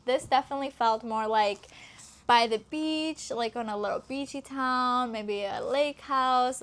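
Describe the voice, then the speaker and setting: A woman's voice: fairly high pitch, fairly bright tone. A young woman from Greece giving a chatty, casual book review in a vlog, with lots of filler words. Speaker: book vlogger.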